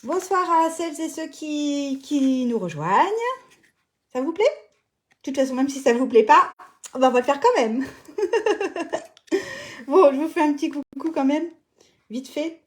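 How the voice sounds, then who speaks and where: A woman's voice: high voice, animated, moderate pace. A middle-aged woman from western France hosting a live paper craft tutorial from home, chatty and playful, with many hesitations. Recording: echoey room.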